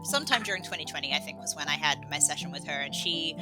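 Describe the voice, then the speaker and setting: Podcast guest: woman from England raised in Australia, lowish voice, rambling and self-deprecating, guitar music behind. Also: fast talker, rough recording. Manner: rambling, self-deprecating, many fillers and restarts. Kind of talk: casual conversational interview.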